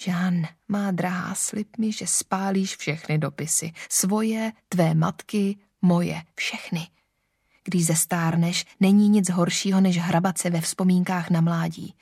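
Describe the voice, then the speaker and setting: A woman reading the lines of an older baron and father who speaks quietly and gently. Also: medium pitch, lively intonation, no echo, studio quality, lightly acted. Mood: gentle.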